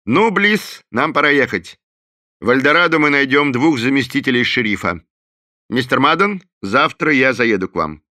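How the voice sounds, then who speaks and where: A man voicing a confident male sheriff who speaks briskly and wryly. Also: mid-range voice, expressive, pushed and bright, voice pushed up.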